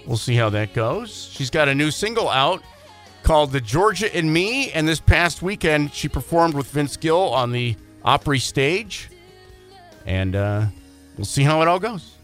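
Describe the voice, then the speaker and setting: Fast-talking male radio morning host. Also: fairly high pitch, lively intonation, fairly bright tone, faint music behind. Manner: quick, self-deprecating, joking. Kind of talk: casual radio banter.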